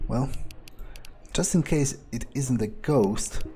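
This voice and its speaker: Slow and warm in a mid-range voice, a gamer thinks aloud during an in-character playthrough, his improvised commentary nonchalant, musing and hesitant. A little hiss or hum sits in the recording.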